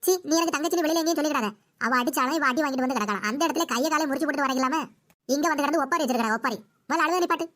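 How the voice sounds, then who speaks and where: A woman voicing a sharp-tongued older sister who scolds her sibling in a cartoon, with a Kanyakumari Tamil accent. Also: high voice, rapid-fire. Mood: scolding.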